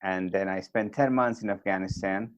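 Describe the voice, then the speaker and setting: A man's voice: deep voice, normal speed, dry recording. A friendly, talkative man in his forties with a Peruvian Spanish accent, a guest telling his story in an interview. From Peru. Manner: friendly and talkative, many fillers. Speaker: guest, army veteran.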